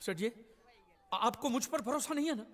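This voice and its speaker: A melodramatic, pleading schemer. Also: male voice, extremely high pitch, animated, moderate pace, slight background noise. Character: scheming poor man, overly theatrical with his lord. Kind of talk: film comedy acting.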